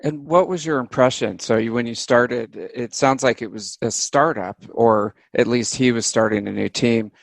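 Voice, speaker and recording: A man hosting a podcast, asking his guest questions in a relaxed, conversational way. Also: medium pitch, normal speed, gravelly, hardly any pauses, no echo. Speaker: podcast host. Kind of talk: interview questions.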